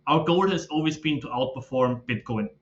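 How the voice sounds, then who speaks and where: A man, a podcast guest who explains his background in a steady, filler-laden way. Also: mid-range voice, moderate pace. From Austria. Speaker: guest, fund manager. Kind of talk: casual interview talk. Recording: slightly dull lo-fi audio.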